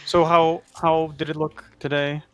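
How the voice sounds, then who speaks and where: A man in casual voice chat about a game raid, talking excitedly and swearing. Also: a little high, a little slow, clean tone. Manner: excited, swearing gamer talk. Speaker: healer player in a raid group.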